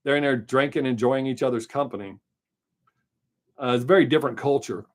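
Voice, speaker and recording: A man's voice: medium pitch, brisk. A middle-aged American man with a Southern drawl, hosting a casual live stream and rambling frankly through viewer questions with some swearing. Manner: rambling, chatty, frank and profane. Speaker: livestream host answering chat.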